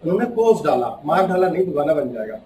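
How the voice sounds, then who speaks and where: Man, spiritual talk to a live room; slightly high, animated, echoey and off-mic. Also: quick pace, distant mic, slight background noise. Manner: animated, acting out quoted voices with sharp swings between loud and hushed. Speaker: spiritual speaker.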